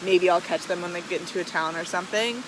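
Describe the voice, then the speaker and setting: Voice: mid-range voice, steady tone, background noise. An American hiker recording a casual, rambling video diary outdoors beside falls, hesitating and saying "like" often. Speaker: vlogger, long-distance hiker. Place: outdoors beside rushing waterfall. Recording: loud rushing water behind voice.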